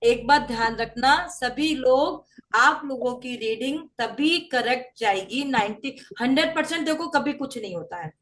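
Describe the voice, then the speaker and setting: A woman's voice: high-pitched, lively intonation, unhurried, fairly bright tone, poor audio. A woman hosting a tarot session, praising her guest and giving instruction in an encouraging way. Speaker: host and tarot teacher. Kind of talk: live session chat.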